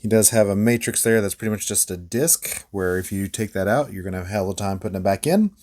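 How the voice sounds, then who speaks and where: A man reviewing toy figures in a relaxed, rambling way, with many fillers and small laughs. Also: lowish voice, quick pace. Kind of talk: casual hands-on toy review.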